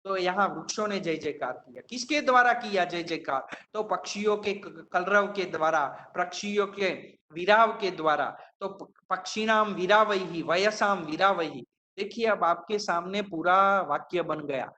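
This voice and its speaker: A man leads a Sanskrit class. His voice is high and bright, and he keeps quizzing the students and repeating the verse word by word at a slow, careful pace. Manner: questions students, repeats verse words slowly. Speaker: Sanskrit professor.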